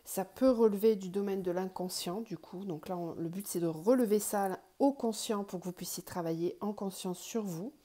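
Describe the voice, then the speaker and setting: A woman hosting a spiritual card reading for viewers, slightly ill, her voice cracking at moments, explaining gently with pauses. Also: mid-range voice. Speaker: tarot card reader and online guidance host.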